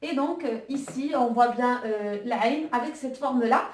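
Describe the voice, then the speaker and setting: A woman teaching an online Arabic lesson, patient and unhurried, her explanations often broken by little hesitations. Her voice sits high, and it comes from a distance in a room with a noticeable echo.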